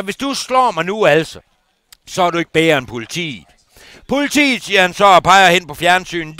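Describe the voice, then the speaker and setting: A man's voice: high voice, pushed and bright, smooth, dry recording, heavily acted. A man playing a gossipy, indignant middle-aged housewife in a comic monologue, rambling on and asking for agreement every few words. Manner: rambling, keeps adding "ikke også" for agreement.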